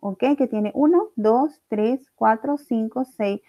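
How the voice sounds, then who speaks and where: Female teacher, high voice, patient, step-by-step recorded lesson, muffled lo-fi audio. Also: slow. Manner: explains step by step, checking in with "¿ok?" and "¿ya?". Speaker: language teacher. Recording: dull lo-fi recording.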